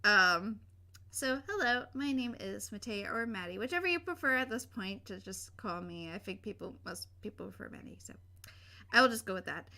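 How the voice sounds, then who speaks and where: A woman's voice: medium pitch, animated, normal speed, sharp tone. A young woman with a sore throat, hosting a casual podcast chat in a rambling way full of fillers. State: sore throat, feeling sick. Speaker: podcast host.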